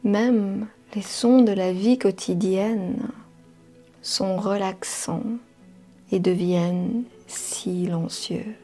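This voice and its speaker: A woman leading a guided meditation in a soft, half-whispered voice, soothing, with drawn-out phrases and long pauses. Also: mid-range voice, steady tone. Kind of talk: slow guided hypnotic meditation. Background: music.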